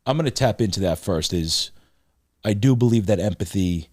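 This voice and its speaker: A man with a very deep voice hosts the conversation and answers his guest with affirming, preachy encouragement. The sound is dry and close, with nothing of the room in it. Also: lively intonation, moderate pace, darkish tone, dry recording. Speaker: podcast host. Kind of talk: casual interview chat.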